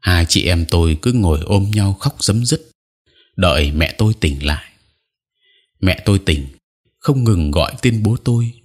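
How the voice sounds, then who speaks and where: A man narrating a sad audio story in a slow, sorrowful reading style. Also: deep voice, lively intonation, husky.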